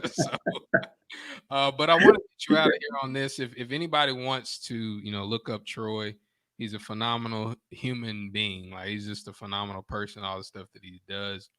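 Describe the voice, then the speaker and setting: A man's voice: fairly low pitch, level tone, moderate pace, sharp tone, clean tone. A man hosting an interview, upbeat and joking, praising his guest as he wraps up. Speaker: interview host. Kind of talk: casual interview chat.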